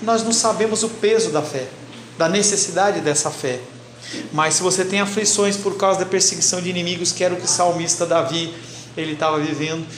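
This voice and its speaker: This pastor's voice sits high and sounds a bit bright as he leads a Bible class, teasing bluntly and singling out people by name. The church hall gives the recording a spacious echo with slight background noise.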